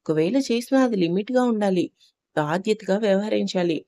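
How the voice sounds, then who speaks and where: Tender storybook mother read by a woman, middle-aged, advising, mellow tone. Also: medium pitch, lively intonation, brisk, no echo, close to an everyday voice. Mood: tender advice. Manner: gentle, advising, affectionate. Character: caring middle-aged mother giving advice.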